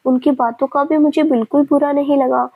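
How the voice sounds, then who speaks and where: A woman's voice: high-pitched, steady tone, a little fast, phone-quality sound. A woman voicing a young woman, an innocent, coaxing daughter, in a storybook reading. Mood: wondering.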